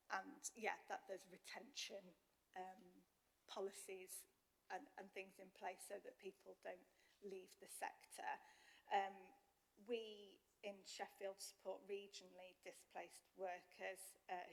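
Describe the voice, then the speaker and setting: Brief: woman officer briefing a committee, flat delivery, touch of vocal fry. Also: fairly low pitch. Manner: measured, businesslike, with fillers. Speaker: council officer presenting a report. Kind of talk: formal meeting briefing. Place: council committee room.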